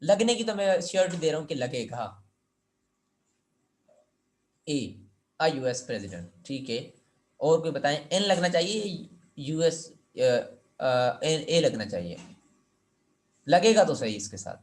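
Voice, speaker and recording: A man's voice: on the high side, big pitch swings, slow, long pauses. A man teaching an English grammar lesson, explaining step by step, repeating words and asking students for answers.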